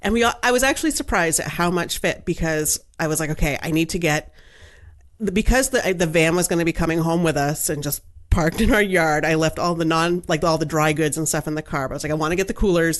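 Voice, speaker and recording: A woman's voice: deep voice, brisk. A woman co-hosting a podcast, chatting casually and retelling a story with lots of quoted back-and-forth. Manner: chatty, animated retelling with quoted dialogue and frequent "like". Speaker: podcast co-host.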